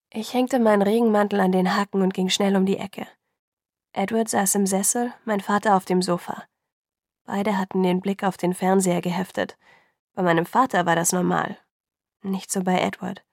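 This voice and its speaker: A woman narrating a first-person novel as an audiobook, in a soft, subdued reading. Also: medium pitch, little pitch movement, normal speed, no echo, clean studio sound.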